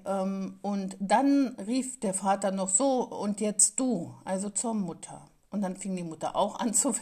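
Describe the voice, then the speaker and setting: Woman, motivational speaker, mellow warm tone, mid pitch, earnest and pleading. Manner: earnest, pleading, repeats phrases for emphasis. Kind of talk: motivational monologue.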